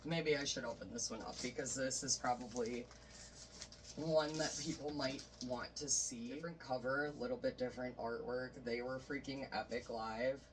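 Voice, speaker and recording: Rambling excited man, off-mic. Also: medium pitch, moderate pace. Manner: rambling, enthusiastic, many fillers. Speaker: vlogger showing a vinyl record collection. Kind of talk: casual chat. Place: bedroom. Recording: voice a bit distant from the mic, faint noise.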